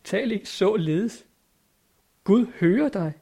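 A man's voice: sits high, animated, vocal fry, warm tone, husky, voice pushed up, exaggerated voice. A man voicing a grieving, frightened young wife in a read-aloud story. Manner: anguished, tearful.

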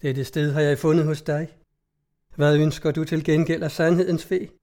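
A gentle fairy of truth, calm and solemn, as a male storyteller reads her. The voice is mellow and slightly high. Each phrase is measured and unhurried. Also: close to an everyday voice.

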